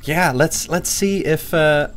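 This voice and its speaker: Excitable man chatting through a game stream. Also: a little high, takes it slowly, faint music behind. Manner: excitable and playful, rambling with many fillers. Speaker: game developer streaming his game. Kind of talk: casual live-stream gameplay commentary.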